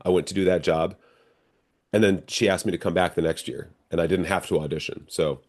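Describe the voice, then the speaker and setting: Brisk and fairly even in intonation, a low-voiced middle-aged American actor from the stage talks as an interview guest. He spins stories conversationally, dropping into quoted dialogue as an actor would.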